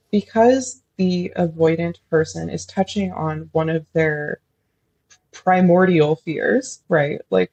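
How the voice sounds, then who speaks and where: Creaky, husky-voiced woman guest. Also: fairly low pitch, darkish tone, no echo, highs cut off. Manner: thoughtful, explains at length with many fillers; admits feeling nervous while explaining. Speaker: social worker guest. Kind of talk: casual podcast interview.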